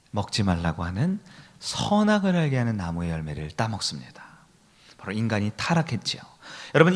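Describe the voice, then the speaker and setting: Animated pastor preaching to his congregation. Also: medium pitch. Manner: questions the congregation and leads call-and-response. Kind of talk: sermon. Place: church sanctuary.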